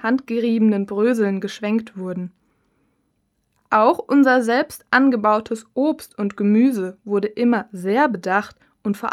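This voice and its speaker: In a scripted listening-test recording, a woman playing a cookbook author answers interview questions with a calm, measured reading. Her pitch is fairly high.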